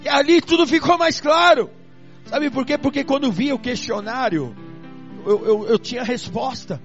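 A man preaching a sermon as a pastor, telling his testimony and rising into shouted exhortation. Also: very high voice, normal speed, muffled recording, soft background music.

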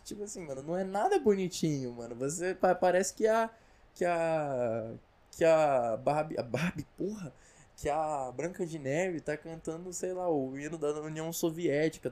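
A man's voice: a little high, warm tone. A Brazilian man rambling through a comedic casual monologue, slangy and full of asides. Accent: Brazilian Portuguese. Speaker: vlogger.

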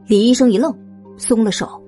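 A woman with a husky voice narrating a suspense audio drama in an expressive storytelling manner. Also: fairly high pitch, normal speed, faint music behind.

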